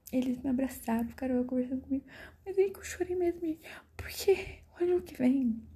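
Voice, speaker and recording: A teenage girl with a Brazilian Portuguese accent, hosting a podcast and telling a personal story in a breathy voice that slips into half-whispers. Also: high voice, warm tone. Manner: breathy, drifting into half-whispers, fillers like "tipo" and "mano". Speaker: podcast host.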